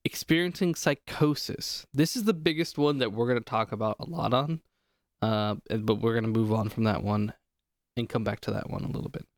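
A man's voice: lowish voice, a little fast, no room sound, clean studio sound. A man hosting a podcast in casual chat, reading lists aloud with joking asides. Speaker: podcast host.

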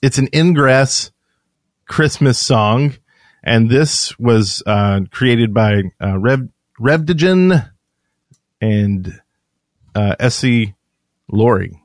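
This podcast co-host draws out his words and leaves long pauses while chatting casually, rambling and self-correcting. He has a medium-pitched, animated voice, captured at studio quality without echo.

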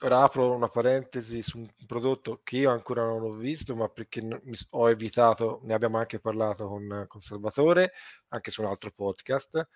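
A man's voice: medium pitch, fairly even intonation, a little fast, no echo. Hesitant man chatting, dry recording. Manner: hesitant, circling, careful with his wording. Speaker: podcast co-host. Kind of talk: casual film discussion.

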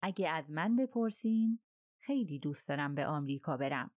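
A woman's voice: low voice, animated, a little mellow, dry recording, clean studio sound. A woman reading the part of a polite, thoughtful middle-aged male detective in an audiobook, speaking courteously and musingly.

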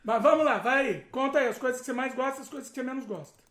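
A woman's voice: sits high, very fast, fairly bright tone. A woman with a Brazilian Portuguese accent, hosting a casual family chat and playfully coaxing a child to answer questions. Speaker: host questioning a child on a live stream. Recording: roomy echo.

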